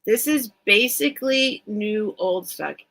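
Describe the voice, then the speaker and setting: A woman's voice: mid-range voice, takes it slowly, a bit bright, rough recording. A woman hosting a casual livestream sale of vintage items, thinking aloud and chatting in a rambling way. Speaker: online seller, host of live sales. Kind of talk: casual livestream sales chat.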